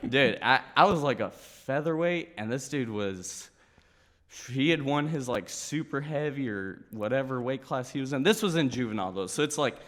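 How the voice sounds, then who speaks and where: A man's voice: medium pitch, animated, moderate pace, a bit bright, long reverb tail. A nineteen-year-old man, a guest, chatting casually and telling stories with an easygoing manner and frequent laughs. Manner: easygoing storytelling, laughs often. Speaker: guest, grappler. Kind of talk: casual chat.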